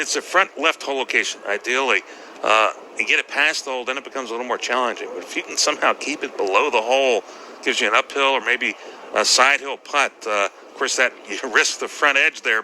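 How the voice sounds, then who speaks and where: A man works as a golf commentator, explaining play conversationally in a very bright, tense voice. Faint outdoor noise sits behind him. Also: mid-range voice, quick pace, poor audio.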